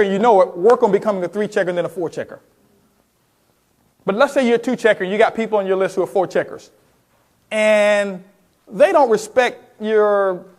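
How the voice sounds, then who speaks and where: This is a man's high, slightly mellow voice. Acting as a sales trainer at a motivational seminar, he speaks emphatically and often questions his listeners directly, with role-played phone calls woven into the talk.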